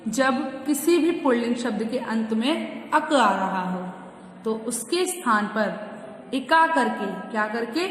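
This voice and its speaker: A woman teaching a grammar lesson to children, repeating word pairs slowly and asking questions she answers herself. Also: fairly high pitch, animated. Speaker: school teacher. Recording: echoey classroom-like room, long reverb, faint noise.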